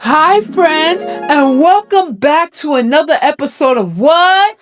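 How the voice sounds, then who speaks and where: A woman's voice: high voice, expressive, takes it slowly, over music. A woman hosting a children's lesson in the manner of a kindergarten teacher, asking simple questions and giving encouragement. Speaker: host of a children's Bible show. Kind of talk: children's lesson, talking directly to young viewers.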